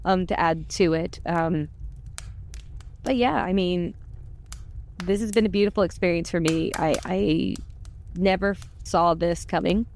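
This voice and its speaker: A woman who volunteers and is a cast member on a podcast chats informally about the project, gushing and talkative. Her fairly low, darkish voice moves unhurriedly with frequent pauses, over a little hiss or hum.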